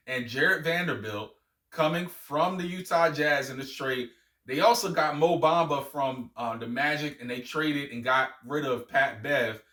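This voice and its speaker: An animated man runs through sports news in a teasing, chatty way, with quiet asides. His voice is bright and forceful. He sits a little back from the mic in an echoey room. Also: medium pitch, distant mic. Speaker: sports podcast host. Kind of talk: casual sports commentary.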